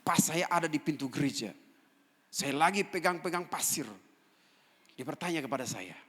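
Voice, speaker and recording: A man preaching a sermon, his bright, forceful voice rising into big emphatic peaks and dropping into quiet asides. He is a pastor from East Nusa Tenggara. A long church reverb trails behind every phrase. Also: fairly high pitch, animated, moderate pace. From East Nusa Tenggara, Indonesia. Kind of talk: sermon with storytelling.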